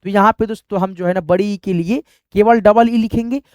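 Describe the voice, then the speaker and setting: A man's voice: sits high, fairly even intonation, fairly quick, no room sound, studio quality. A man teaching a step-by-step lesson, patient and repetitive, often calling his listeners friends and checking that they follow. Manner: checks understanding with short tag questions. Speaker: Hindi and English teacher.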